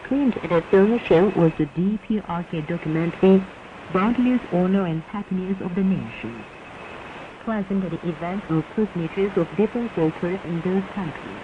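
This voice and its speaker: North newsreader lady, lowish voice, solemn formal script, tinny staticky radio. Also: animated, moderate pace. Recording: tinny, noisy shortwave radio recording.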